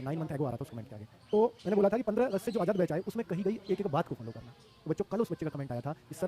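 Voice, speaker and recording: A man's voice: on the high side, mellow. A man in his thirties with a Hindi accent, teaching a live online class for exam students, emphatic and repeating words to drill them.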